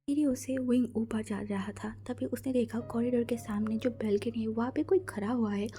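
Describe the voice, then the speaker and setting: A woman's voice: fairly high pitch, steady tone, normal speed, mellow. A woman narrating a fan fiction story in a casual, chatty way, full of fillers and restarts.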